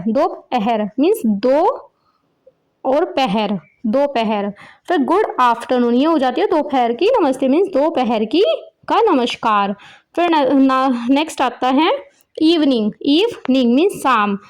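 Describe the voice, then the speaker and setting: A woman with an Indian accent, her voice sitting high, teaches an English lesson to young children in a voice-over. She reads each English line slowly and carefully, then breaks it down word by word in simple terms. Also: a little mellow.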